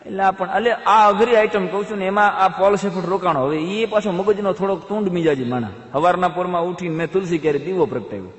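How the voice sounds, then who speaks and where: A man's voice: sits high, fast, hardly any pauses. A man telling a comic folk story on stage, acting out the characters' voices. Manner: animated, acts out characters' voices. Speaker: comedian storyteller. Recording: echoey hall, long reverb.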